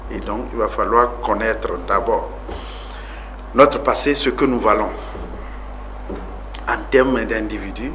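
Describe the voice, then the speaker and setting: A man's voice: on the low side, fairly even intonation, slow, pauses often, background noise. A man in his forties from Togo, a politician being interviewed on TV about his life, speaking earnestly with many fillers and rising emphasis. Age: 40s. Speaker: guest politician.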